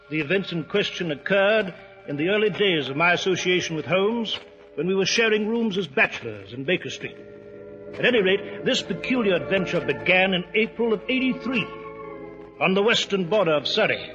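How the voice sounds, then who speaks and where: An actor playing a genteel English doctor recounting old adventures, courteous and formal, in 1940s radio style. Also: male voice, high-pitched, sharp tone. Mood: grave, storytelling. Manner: courteous, formal, measured storyteller. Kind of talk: 1940s radio acting, storytelling. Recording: muffled 1940s radio recording.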